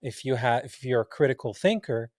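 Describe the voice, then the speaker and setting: A Palestinian man in his forties, a native Arabic speaker, tells stories as a guest in a casual interview. His voice is medium-pitched and a little fast, captured dry with clean studio sound. He's animated, acting out the quoted dialogue and laughing often.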